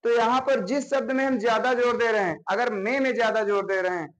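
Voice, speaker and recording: A man's voice: very high-pitched, fairly even intonation, fairly quick, a bit bright, poor audio. A man teaching a grammar lesson to a class. He explains step by step and keeps checking in with his students.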